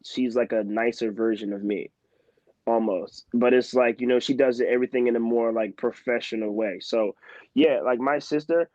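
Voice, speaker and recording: A young man in his twenties from Philadelphia, a guest in a casual interview, telling stories in an animated, emphatic way. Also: mid-range voice, normal speed, dry recording. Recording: slightly dull, muffled sound.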